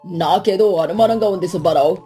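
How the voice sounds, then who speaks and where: A woman's voice: on the low side, brisk, warm tone, faint music behind, pitched below the performer's own voice, close to an everyday voice. A woman voicing a stern, grave male village elder in a storybook tale. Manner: solemn, scheming.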